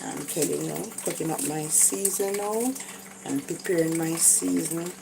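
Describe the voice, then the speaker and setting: Speaking at an ordinary pace, a worn-out Jamaican woman with a low, gravelly voice narrates her relaxed cooking vlog in a small kitchen. Her delivery is halting, with plenty of fillers and restarts. She's recorded on a phone held above her, and kitchen noise is audible.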